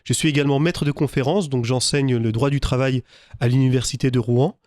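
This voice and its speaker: A business lawyer from Lorraine, France, answers a radio interview in a studio, speaking with many hesitations and fillers. His medium-pitched, darkish voice is steady and fairly quick, captured by a studio microphone with no echo.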